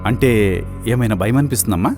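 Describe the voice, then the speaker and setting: An actor playing a calm, fatherly male doctor, speaking gently with many murmured hums. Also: mid-range voice, quick pace, music in the background, lightly acted. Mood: probing. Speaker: doctor and boss. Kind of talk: film dialogue.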